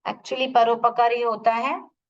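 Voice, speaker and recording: A woman teaching an English lesson to schoolchildren. She explains each word, asks questions and answers them herself, and sounds out pronunciation slowly. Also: fairly high pitch, flat delivery. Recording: dull lo-fi audio from a distance.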